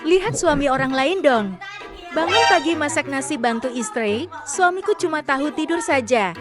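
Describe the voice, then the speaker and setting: A woman's voice: sits high, animated, moderate pace. A woman voicing a bossy, nagging young wife who scolds her husband curtly. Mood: scolding. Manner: scolding, curt. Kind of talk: dubbed skit acting. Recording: music playing behind.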